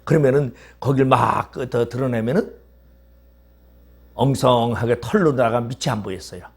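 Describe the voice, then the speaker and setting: Male preacher, husky voice, mid pitch, animated storyteller asking the congregation questions. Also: normal speed. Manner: vivid storytelling with rhetorical questions. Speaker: pastor. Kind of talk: sermon. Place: church.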